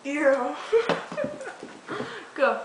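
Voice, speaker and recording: A woman's voice: high-pitched, sing-song, very slow. A woman chatting casually with a friend at home, giggling often, caught by the camera's microphone. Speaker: friend filming a burping contest. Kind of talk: casual chat. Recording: roomy, distant home-video audio with noise.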